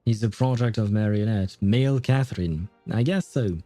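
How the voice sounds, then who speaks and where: A man's voice: lowish voice, normal speed, warm tone, soft background music. A man giving casual game playthrough commentary, hesitantly thinking aloud as he streams. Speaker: gaming streamer.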